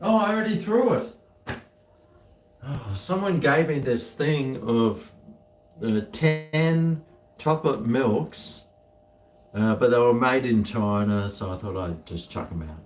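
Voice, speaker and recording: Casual male streamer, broad Kiwi accent, unhurried laid-back rambling, recorded off-mic in an echoey room. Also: medium pitch, animated. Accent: New Zealand. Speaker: streamer chatting to viewers. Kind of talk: casual rambling chat to viewers. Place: indoors, home kitchen. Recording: echoey room, distant mic, faint noise.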